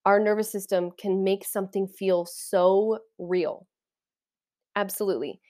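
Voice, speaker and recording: A woman coach talks casually on her podcast, her enthusiasm showing as she wanders from one thought to the next. Her voice sits at an average pitch, and her delivery is warm-hearted but loose, like a chat with a friend. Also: level tone, measured pace. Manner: enthusiastic, meandering, conversational. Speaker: podcast host and life coach. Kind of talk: casual spiritual talk.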